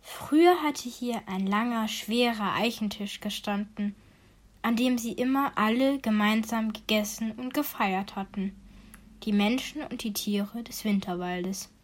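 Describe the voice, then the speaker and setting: Soft-voiced woman reading a fairy tale. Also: fairly high pitch, measured pace. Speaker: storyteller. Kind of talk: scripted children's story narration.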